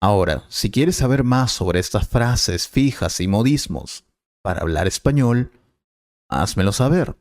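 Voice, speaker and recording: A man as a Spanish teacher, explaining clearly and patiently in a scripted lesson dialogue. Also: on the low side, animated, a little slow, a little mellow, no echo, clean studio sound.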